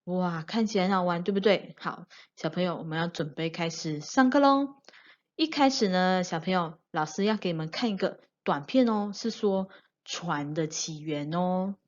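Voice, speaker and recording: A woman's voice: fairly low pitch, normal speed, highs cut off. A woman teaching a children's class in an exaggerated sing-song manner, as if talking to a toddler. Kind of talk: children's lesson addressed to young kids.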